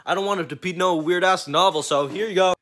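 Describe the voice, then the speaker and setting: A man's voice: high-pitched, fast. A teenage or young adult man doing casual, goofy, profane comedy skits in slangy talk into a phone. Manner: goofy, profane, slangy, often bursting into yells. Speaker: short-skit video creator. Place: mostly a cluttered home garage. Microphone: phone at arm's length.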